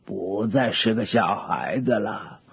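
A man voices a grave, patient old father in a radio play. He speaks slowly in a low, very husky voice, and the old recording sounds dull. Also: exaggerated voice. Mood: gentle. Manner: slow, gentle, grave. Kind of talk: radio drama.

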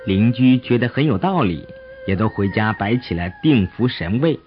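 Expressive male storyteller narrating a folk tale. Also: on the low side, moderate pace. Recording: dull audio with soft music.

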